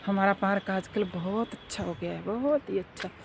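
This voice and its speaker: A middle-aged woman chatting casually as she walks through a park and films a vlog on her phone. She tells stories in an animated way and keeps asking her listeners to agree. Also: medium pitch, moderate pace, creaky, slight background noise. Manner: animated storyteller. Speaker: vlogger and mother. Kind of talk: casual walking vlog chat. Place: outdoor park on a foggy day.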